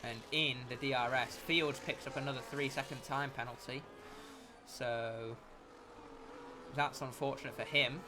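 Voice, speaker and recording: A race commentator delivers live motorsport commentary in a medium-pitched, unhurried voice against a noisy background. His delivery is excitable and rises whenever an incident happens.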